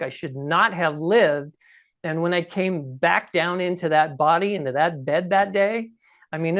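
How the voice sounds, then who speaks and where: Here is a podcast guest in his sixties, high-pitched, a bit bright and scratchy, recounting something that happened to him. He talks like he's in a relaxed conversation yet presses his points hard, peppering them with "right?" and "okay?"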